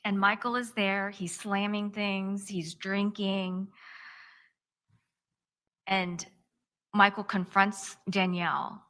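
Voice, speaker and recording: A woman defense attorney giving a courtroom opening statement, recounting events step by step in a measured present-tense narration. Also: medium pitch, bright, forceful tone.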